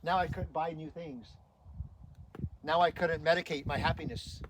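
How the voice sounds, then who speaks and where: A man's voice: on the high side, fairly even intonation, normal speed, background noise. A middle-aged man telling his life story to an audience, earnest and emotional, often restarting and repeating words. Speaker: speaker sharing his testimony. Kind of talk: personal testimony talk to an audience.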